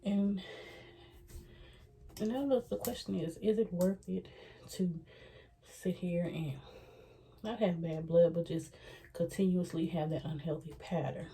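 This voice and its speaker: A young woman talking to camera in an earnest, halting, self-reflective way, a little out of breath. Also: on the low side, dark tone. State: slightly out of breath. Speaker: vlogger. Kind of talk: casual reflective talk to camera.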